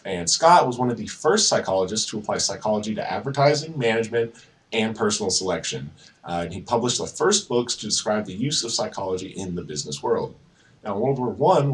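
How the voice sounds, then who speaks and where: A man's voice: fairly low pitch, recorded from a distance, low-quality recording. A young man giving a casual psychology lecture over slides, with fillers and self-corrections. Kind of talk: informal slide-based lecture.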